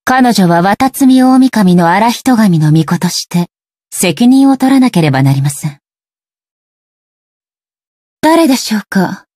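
Regal, breathy Raiden Shogun. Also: female voice, medium pitch, animated, dark tone, no room sound, clean studio sound. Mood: solemn. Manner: formal, measured, solemn, detached. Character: stern, regal, ageless female shogun deity. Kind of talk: scripted video game character voice lines.

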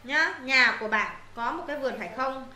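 A woman's voice: sits high, animated, fairly quick, reverberant, heavy background noise. A woman English teacher, walking students through exam answers, repeating words and checking they follow. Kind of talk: exam answer walkthrough lesson.

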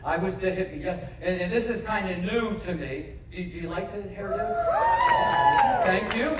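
A man's voice: high-pitched, wildly swooping pitch, normal speed, a loud crowd, very noisy. A man performing live comedy patter as a stage juggler, joking with and coaching audience volunteers in a large theater. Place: large theater on a cruise ship. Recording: echoey theater from far off, audience.

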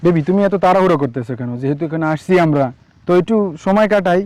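A man playing a smooth-talking coaxing lover. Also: fairly high pitch, rapid-fire, background noise, lightly acted. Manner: coaxing, wheedling. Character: smooth-talking young man luring his girlfriend. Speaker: actor in a short amateur drama. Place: outdoors among trees.

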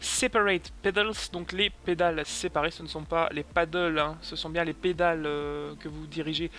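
A man's voice: fairly high pitch, level tone, moderate pace, a bit bright, slight background noise. A man from France giving a casual sim racing tutorial voice-over, hesitant and full of fillers. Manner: hesitant, many fillers, chatty.

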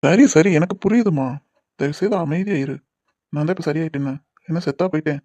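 A man's voice: a little high, quick pace, mellow, dry recording, close to an everyday voice. A man voicing a middle-aged father and a doctor in a cartoon drama, speaking in a reassuring way. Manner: reassuring, mixes English words. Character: middle-aged father, calm, then worried over lost money.

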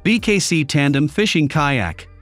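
A man giving scripted voice-over narration for a product review, in an even, read-aloud listing delivery. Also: fairly high pitch, a little slow, dry recording. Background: faint background music.

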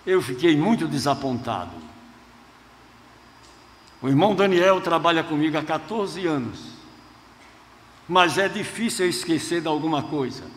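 A male pastor preaching a sermon, telling stories from his own life and swinging between hushed tones and rousing shouts. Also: a little high, animated, moderate pace, pauses often. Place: large church hall. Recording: long hall reverb, faint noise.

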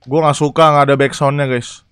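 A young man casually commentating a horror game live, chatty and excitable, reading chat and yelling at scares. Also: medium pitch, fairly quick, clean tone, no echo. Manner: excitable, chatty, reacts loudly to scares and reads chat aloud. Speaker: gaming streamer.

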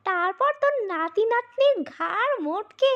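A woman voicing a wicked, child-hungry female ghost witch in a fairy-tale audio drama, with a menacing, drawn-out delivery. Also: very high voice, expressive, fairly bright tone, dull audio, exaggerated voice. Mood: gloating, scheming.

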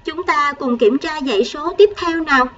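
High-voiced woman teaching children to count. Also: distant mic, dull audio. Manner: patient, slow counting, coaxing children with gentle prompts. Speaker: primary school math teacher. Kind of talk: recorded math lesson for first graders.

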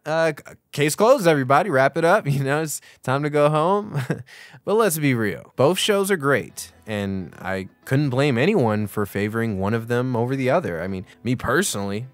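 Excitable young man reviewing animated shows. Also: mid-range voice, no room sound. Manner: excitable, swears casually, laughs often. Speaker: YouTube reviewer. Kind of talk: casual opinion video.

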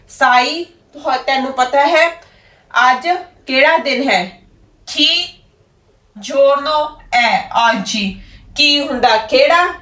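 High-voiced woman teaching a language. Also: a bit bright, reverberant, recorded from a distance. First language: Punjabi. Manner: slow, repeating drills. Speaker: Italian teacher. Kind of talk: language lesson.

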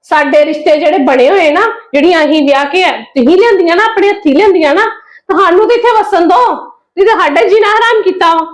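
A woman's voice: extremely high pitch, fast. A woman acting as a fed-up young wife who firmly lectures her sister-in-law, in a family drama. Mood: lecturing. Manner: firm and lecturing.

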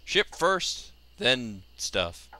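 A man's voice: medium pitch, very animated, extremely slow, bright, forceful tone, slight background noise. A man giving casual Let's Play commentary with joking, sarcastic asides. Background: game music.

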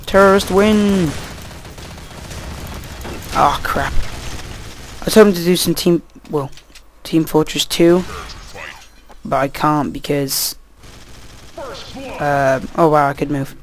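A man's voice: fairly high pitch, slow pace, pauses often, a little hiss or hum. Tired young man rambling over gameplay. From Wales. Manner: rambling, easily distracted, swears at the game. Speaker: gameplay commentator. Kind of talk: casual gameplay commentary.

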